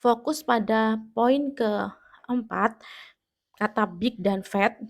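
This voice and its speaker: A woman teacher with an Indonesian accent giving a grammar lesson, explaining step by step and checking that students understand. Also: on the high side. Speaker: English teacher. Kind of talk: classroom-style grammar lesson.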